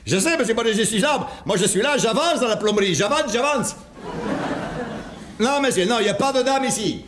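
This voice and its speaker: A man's voice: very high-pitched, expressive, brisk, pitched above the performer's own voice. A man putting on a Spanish accent to play an overly polite plumber on the phone. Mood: fawning. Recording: roomy amateur recording with loud noise.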